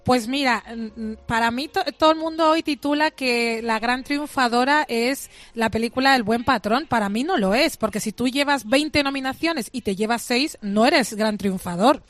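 Woman, film critic, blunt and emphatic, fairly high voice, dry close sound. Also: normal speed, few pauses, fairly bright tone, dry recording. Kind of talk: radio talk, opinionated commentary.

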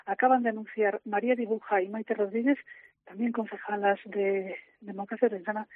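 A woman field reporter calling in live from a press conference, speaking quietly and hurriedly with frequent fillers. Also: mid-range voice, steady tone, phone-quality sound. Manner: hushed, hurried, many fillers and restarts. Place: city hall during a press conference. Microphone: phone.

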